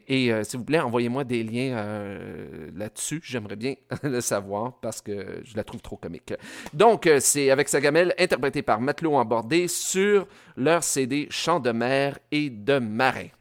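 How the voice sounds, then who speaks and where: A man with a Québécois French accent hosting a music radio show, chatting casually between songs with many hesitations and fillers. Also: medium pitch. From Quebec. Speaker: radio host.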